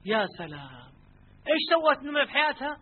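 A man's voice: very high-pitched, quick pace. A man preaching a colloquial sermon, telling stories and putting rhetorical questions to his listeners. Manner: lively, asks the crowd rhetorical questions. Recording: tinny phone-like lo-fi recording with faint noise.

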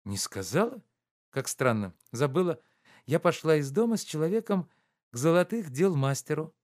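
A man's voice: fairly high pitch, moderate pace, pitched above the performer's own voice, lightly acted. Man voicing a coy, teasing young woman. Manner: lively, teasing, coaxing.

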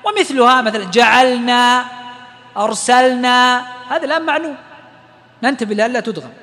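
A man with a very high, bright, forceful voice teaches recitation rules in a calm lesson. He explains each point and then intones the verse examples slowly. The sound carries a long reverb, as if he is in a big hall. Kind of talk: tajweed lesson.

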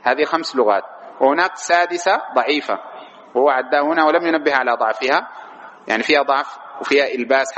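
A man's voice: a little high, a bit bright, slight background noise. Man teaching a lecture, lo-fi recording. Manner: explains patiently, asks the class questions; repeats and drawls example words. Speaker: grammar teacher. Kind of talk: classroom lecture on Arabic grammar.

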